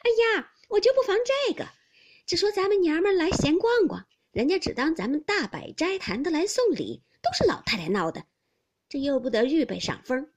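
A woman voicing an excitable, bustling young noblewoman who exclaims loudly in a shrill, laughing voice. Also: moderate pace. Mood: exclaiming.

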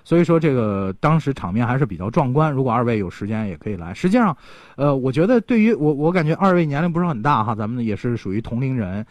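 A man's voice: medium pitch, quick pace, no echo, muffled recording. A man hosting a casual radio interview, telling things in a chatty way with playful exclamations. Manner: animated storytelling with playful local exclamations. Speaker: radio host interviewing guests.

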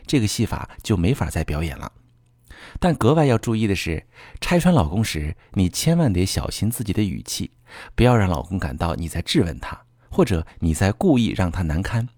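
Deep-voiced man giving relationship advice. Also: no room sound, studio quality. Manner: calm, coaching, addresses listener directly. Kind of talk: scripted advice talk.

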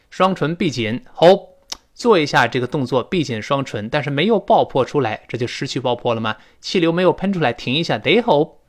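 A man teaching English pronunciation, explaining in Chinese and repeating words slowly for drill. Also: a little high. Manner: emphatic, explanatory.

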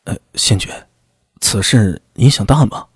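A man reading an audiobook, voicing a sharp-witted young male constable captain who talks casually and wryly. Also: on the low side, unhurried, husky, dry recording, clean studio sound, pitched below the performer's own voice.

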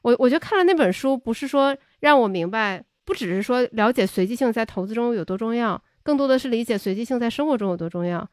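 A woman's voice: a little high, expressive, fast talker, few pauses, no room sound, clean studio sound. A woman hosting a podcast, chatting in a thoughtful, agreeable way. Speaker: podcast host. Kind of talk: casual conversation.

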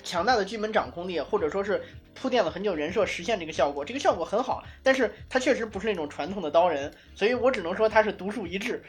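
A woman's voice: mid-range voice, lively intonation, quick pace, hardly any pauses, breathy edge, faint music behind. A woman co-hosting a casual podcast, talking things through in a fluent, analytical way with frequent restarts. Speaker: podcast co-host.

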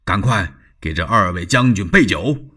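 A man's voice: sits low, lively intonation, moderate pace, a bit bright. A male storyteller voicing a scheming, commanding warlord chancellor, speaking in an expansive, knowing way.

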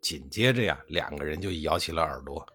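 A man's voice: a bass voice, expressive, sharp tone, breathy edge. A man narrating history in a chatty, colloquial storytelling style, drawing out his sentence endings. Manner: colloquial, chatty, with drawn-out particles.

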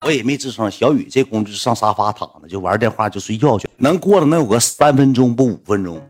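A man's voice: mid-range voice, lively intonation, quick pace, husky. A man with a Northeastern Mandarin accent tells a rambling, colloquial story to his livestream audience. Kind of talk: casual spoken storytelling.

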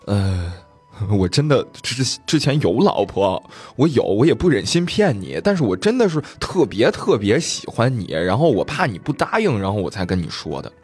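Scheming, remorseful young scholar, played by a man, husky and animated, storytelling podcast. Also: mid-range voice, brisk, soft background music, heavily acted. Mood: sheepish.

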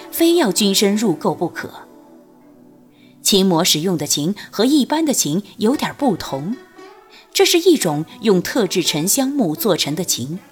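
A woman narrating a martial arts novel as an audiobook, in an expressive storytelling manner. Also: mid-range voice.

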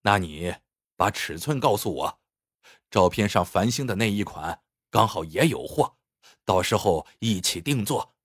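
A man's voice: on the low side, expressive, a little slow, slightly rough, dry recording, voice pushed down. A man voicing a chatty, shrewd photo studio owner. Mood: businesslike. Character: friendly shrewd middle-aged male photo studio owner.

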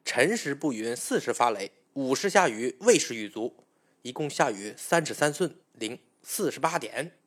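An old fortune teller from a folk tale, calm and sure of himself, as a male storyteller voices him. He states things flatly, without fuss, in a mid-pitched voice. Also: normal speed, breathy edge.

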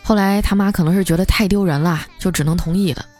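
A woman host telling scripted comic stories in a playful, lively way. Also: fairly low pitch, quick pace, faint music behind. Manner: lively, playful, often laughing through punchlines. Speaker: radio comedy host.

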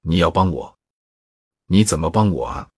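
A man's voice: sits low, lively intonation, normal speed, slightly rough, no echo, studio quality. A man doing a brash, greedy young spendthrift. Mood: puzzled. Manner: plain storyteller's voice with little change.

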